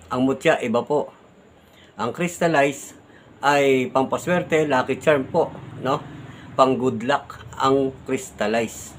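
A man's voice: mid-range voice, slight background noise. Man, vlogger, casual defensive talk to viewers, repetitive, polite tag questions. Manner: defensive, repeats himself, tags lines with "no?" and "di ba?"; polite, uses the respectful "po" often.

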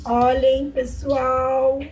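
Gushing high-voiced Brazilian woman. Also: drawn-out words, soft background music. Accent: Brazilian Portuguese. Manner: gushing, excited exclamations over plants. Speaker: plant vlogger. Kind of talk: casual unboxing chat.

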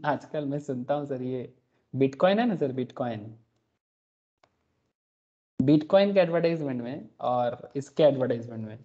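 A man's voice: mid-range voice, expressive, normal speed, long pauses, warm tone. A man teaching an online class, explaining with rhetorical questions and checking that students follow. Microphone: computer mic on a recorded video call. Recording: dull lo-fi meeting recording.

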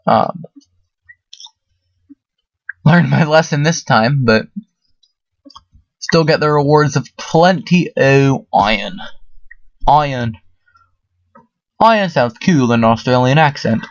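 A man talks his way through a let's-play in an easy, rambling manner, leaning on fillers as he goes. The recording is dry and close with no room sound, and a little muffled. His pitch sits in an ordinary middle range. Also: slow, pauses often, no echo. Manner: chatty, rambling, full of fillers. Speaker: gaming video host. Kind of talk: casual let's-play commentary.

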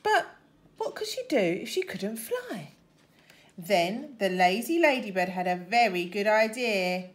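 Woman, head teacher, children's story, sing-song, unhurried, bright and lively. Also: medium pitch.

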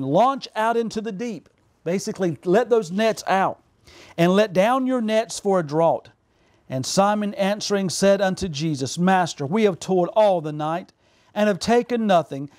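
A man in his forties, a pastor preaching a fervent sermon from a home office, gesturing and calling out for amens. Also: sits high. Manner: fervent preaching with animated gestures, calls of amen. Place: home office with purple lighting.

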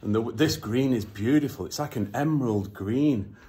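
A man, filming himself on a phone in an indoor workshop as he builds a kayak, talking in a gushing, emotional way with lots of halting restarts. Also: medium pitch, mellow. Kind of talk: casual selfie vlog. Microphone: phone at arm's length.

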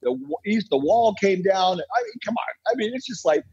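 Appearing as a podcast guest, this American entrepreneur and author from the United States answers interview questions with strong opinions, pressing his points and repeating phrases for emphasis. He speaks in a high, very animated voice at a moderate pace, a little mellow with a breathy edge, and the audio is dull.

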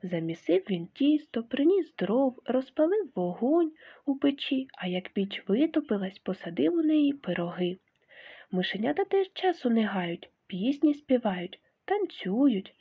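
Teacher lady reading a fairy tale to little kids, lively sing-song voice, kinda husky, tinny phone sound. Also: high-pitched, unhurried. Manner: expressive storytelling.

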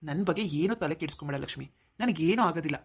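A woman voicing a kind, protective young man in a cartoon, who soothes and teases gently. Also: deep voice, lively intonation, very fast, slightly rough, exaggerated voice. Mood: reassuring. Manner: soothing, playful reassurance. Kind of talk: cartoon voice acting.

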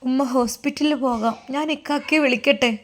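A woman's voice: high voice, fairly even intonation, fairly quick, natural voice. A woman voicing a worried, caring young daughter who talks urgently, with a Malabar Malayalam accent. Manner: anxious and urgent.

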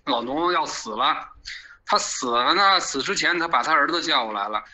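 A man's voice: on the high side, expressive, moderate pace, bright, forceful tone, poor audio. A middle-aged man, arguing animatedly as an interview guest and often asking "you know?". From China. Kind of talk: casual opinionated chat.

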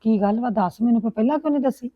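A woman's voice: a little high, racing, no room sound. Mother, tinny dry sound. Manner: coaxing, motherly questioning. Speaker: mother in a family web drama. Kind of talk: homemade family drama acting.

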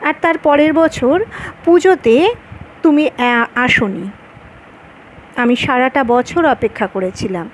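A woman's voice: high voice, slow, pauses often, a little hiss or hum, rough recording. A woman reading the lines of a grown woman in love, wistful and playfully stubborn, in her own voice.

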